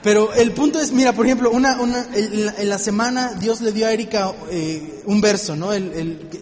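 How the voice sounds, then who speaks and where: High-voiced preacher in a reverberant hall. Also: male voice, moderate pace. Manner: lively, joking, acts out little scenes. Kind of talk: sermon.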